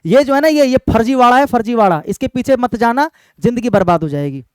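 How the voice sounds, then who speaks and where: Speaking a little fast in an extremely high, expressive voice, this young man teaches English for exam prep, addressing students directly on camera. He's earnest and keeps checking in with "ठीक है?" and "भाई"; the tone is clear, resonant and a little mellow, with no room sound.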